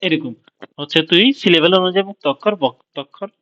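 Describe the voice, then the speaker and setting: A man's voice: high voice, a bit bright, no room sound, lo-fi sound. A young man casually tutoring a friend, sounding out syllables and often checking that he follows. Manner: informal, repeats and sounds out syllables slowly, keeps checking understanding. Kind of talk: casual one-on-one explanation.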